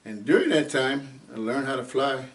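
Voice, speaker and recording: A man in his eighties from Ohio, telling his life story in an oral history interview at an unhurried, rambling pace with many fillers. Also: medium pitch. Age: 80s. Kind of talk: unscripted life-story reminiscing. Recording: distant mic with faint background noise.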